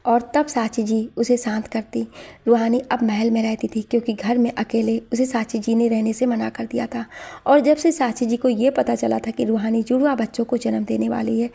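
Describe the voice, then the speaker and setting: A woman narrating an audio drama story in a steady, dramatic storytelling manner. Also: a little high, normal speed, creaky, breathy edge.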